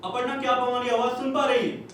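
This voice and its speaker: An actor on stage playing a male TV news anchor, with a formal, crisp newsreader delivery. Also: very high voice, little pitch movement, fast talker, a bit bright, slight background noise. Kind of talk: stage play acting. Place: theatre stage. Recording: echoey hall, captured from far off.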